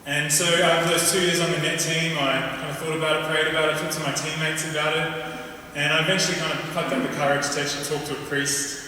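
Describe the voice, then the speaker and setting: A man with a broad New Zealand accent tells his personal story to a gathering. His voice is bright and forceful, and he speaks informally and a little haltingly. He is heard at a distance from the mic in a long, reverberant hall. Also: a little high, flat delivery. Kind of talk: personal testimony talk to a gathering. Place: large reverberant indoor venue. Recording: echoey hall, distant mic, faint noise.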